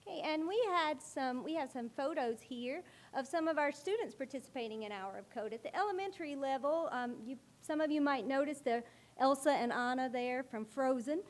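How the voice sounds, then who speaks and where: A woman who works as a school librarian addresses a board meeting, speaking a little fast in a high-pitched voice. She is loud and carrying, earnest as she explains her points.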